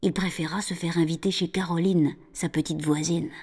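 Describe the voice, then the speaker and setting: A woman narrating a children's storybook in an animated, expressive way, dropping at times into a hushed whisper. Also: fairly low pitch, moderate pace, breathy edge.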